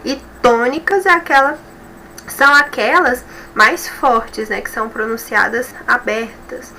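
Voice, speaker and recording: A woman teacher with a Brazilian Portuguese accent explains each step slowly and patiently, checking again and again that her students follow. Her voice is bright and sits a little high. A faint hiss runs under the recording. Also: low-quality recording. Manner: slow, explanatory, repeats rules and checks with "tá bom?". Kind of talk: recorded school review lesson.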